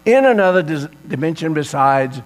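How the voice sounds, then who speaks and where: A man's voice: a little high, lively intonation, moderate pace, long reverb tail. A man preaching an Easter sermon, retelling the story with dramatic, swelling emphasis.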